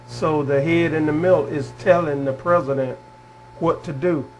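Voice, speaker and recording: A man explaining prophecy in a casual, sermon-like way. He is earnest and deliberate and keeps repeating phrases. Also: a little high, steady tone, slight background noise, low-quality recording. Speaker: prophecy teacher.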